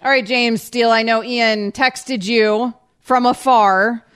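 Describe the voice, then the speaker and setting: A woman hosting a sports talk radio show, upbeat and quick to laugh as she reads teases and plugs. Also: a little high, fairly even intonation, a bit bright, clean tone. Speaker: radio host.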